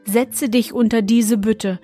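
Woman reader as kind youngest brother, calm, reassuring, slow. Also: on the high side, faint music behind.

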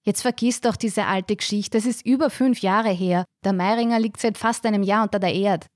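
Woman reading as an earnest farm boy, pleading, flat-ish and dry. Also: mid-range voice, normal speed, no room sound, lightly acted. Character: young rural man, earnest, heartbroken lover.

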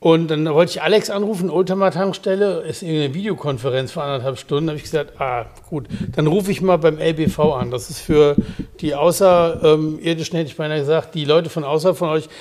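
A chatty man tells a story at length and acts out the phone calls in it. His voice sits a bit high for a man. He talks casually to a co-host. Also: steady tone, a little fast, a little mellow. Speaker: podcast host. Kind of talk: casual chat.

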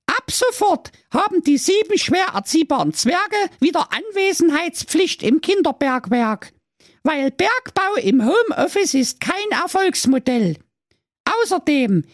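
A man's voice: extremely high pitch, sing-song, measured pace, no room sound, studio quality, pitched above the performer's own voice, full character voice. A man voicing a fairy-tale maiden who reads out a decree in a shrieking, proclamatory way. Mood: proclaiming. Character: shrill letter-reading fairy-tale maiden.

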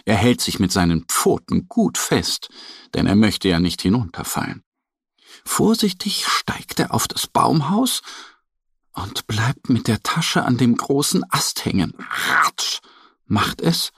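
A man narrating a children's story in a very expressive, sing-song storytelling manner. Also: mid-range voice, takes it slowly, gravelly, husky, dry recording, studio quality.

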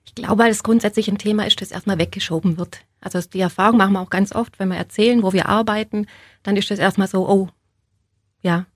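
Husky-voiced woman answering interview questions. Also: mid-range voice, steady tone, fast, no room sound, studio quality. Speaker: interview guest, social worker.

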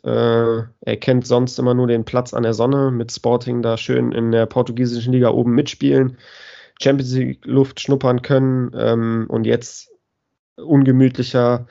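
A man co-hosting a podcast, giving hesitant, measured analysis with lots of fillers. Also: medium pitch, vocal fry, warm tone. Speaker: podcast co-host. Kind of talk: casual analysis. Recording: dull lo-fi sound.

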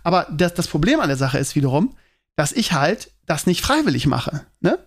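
A man's voice: fairly high pitch, big pitch swings, normal speed. A man hosting his own podcast, talking casually to his listeners and rambling with lots of fillers and tag questions. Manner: rambling, many fillers and "ne?" tags. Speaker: podcast host and teacher.

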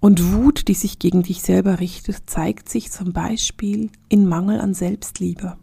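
Woman, podcast host, mellow dark tone, gravelly edge, talks straight to the listener, slips into whispery phrases. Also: medium pitch, steady tone, measured pace. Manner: addresses the listener directly as "du"; often drops into soft, whispery phrases. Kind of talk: reflective spoken podcast monologue.

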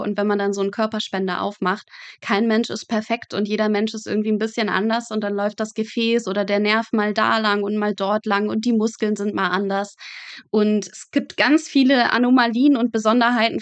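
This is a young woman in her twenties, a medical student at a pathology practice, appearing as an interview guest. She tells her stories with humor, color and a colloquial touch. Her voice is medium-pitched and the recording carries no room sound.

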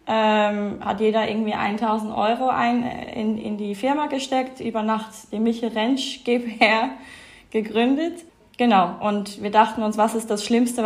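A woman in her thirties from Switzerland with a Swiss accent, a company co-founder chatting as a podcast guest with many fillers and frequent laughs. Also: medium pitch. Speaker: fashion label co-founder, guest. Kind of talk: casual podcast interview.

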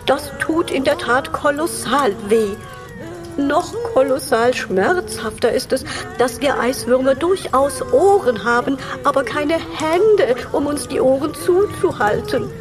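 A woman's voice: sits high, lively intonation, unhurried, over music. A woman voicing a stately, formal ice worm with pompous wording in a children's audio drama.

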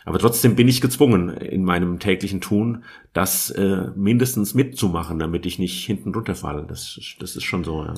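A man's voice: low-pitched, fairly quick, darkish tone. A man answering as a guest from industry, thinking aloud and restarting phrases as he searches for the right word. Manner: thoughtful, restarts phrases while searching for words. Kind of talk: conversational interview answer.

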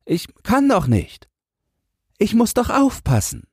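A man's voice: fairly high pitch, wildly swooping pitch, a little slow, husky, no echo, clean studio sound, pitched above the performer's own voice, full character voice. A man voicing a scared, stubborn young boy. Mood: timid, sad. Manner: timid, stubborn, quietly grieving. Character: frightened nine-year-old boy guarding rubble. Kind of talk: audiobook character voice.

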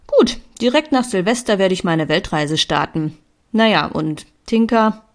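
A chatty young man teases his best friend in a storybook reading, voiced by a woman reader. His voice sits low and his words come out playful. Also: normal speed, a little mellow, natural voice. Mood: teasing. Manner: teasing, chatty.

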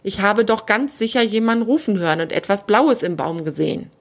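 A woman voicing a small, excitable male squirrel in a children's storybook reading. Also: medium pitch, fairly quick, natural voice. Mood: puzzled.

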